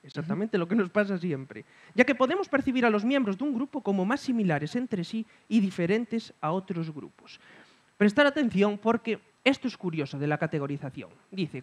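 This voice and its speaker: Man, conference speaker, high voice, very animated, keeps tossing "mm?" at the room. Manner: keeps checking in with listeners with a questioning hum. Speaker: speaker at a talk. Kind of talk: reflective conference talk.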